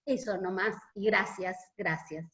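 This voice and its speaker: A woman with an Argentine accent, a union delegate, earnestly recalling a protest march in an online meeting. She pauses often and fills gaps as she talks. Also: medium pitch, fairly even intonation, a bit bright, muffled recording. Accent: Argentine Spanish. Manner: hesitant, many filler pauses, earnest. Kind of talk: reminiscing testimony in an online meeting.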